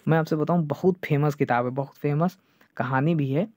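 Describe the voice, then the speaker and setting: A male teacher giving an online exam-prep lecture, checking "clear?" over and over and slowing down to drill names. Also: on the high side, darkish tone, no echo. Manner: repeats "ठीक है" and "clear है" often, drills names slowly. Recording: dull lo-fi dry sound.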